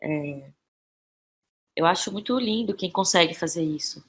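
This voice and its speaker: A woman whose voice is on the low side speaks with a Brazilian Portuguese accent as a podcast guest. The playwright and actress reflects on her creative work in a casual, halting way, searching for words, repeating phrases, and often ending with tag questions.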